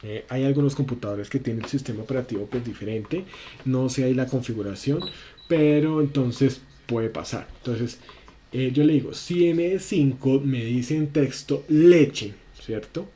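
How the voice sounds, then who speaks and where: A man's voice: medium pitch, moderate pace, mellow, slight background noise. A man instructing a class through a spreadsheet lesson on screen, talking through each step with many fillers and restarts. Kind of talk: screen-share software lesson.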